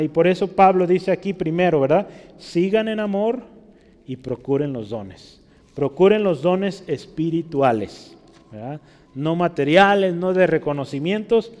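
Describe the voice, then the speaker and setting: Man, pastor preaching, fairly high voice, long church-hall reverb, tag questions. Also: darkish tone. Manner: frequent tag questions, teaching tone. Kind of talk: sermon.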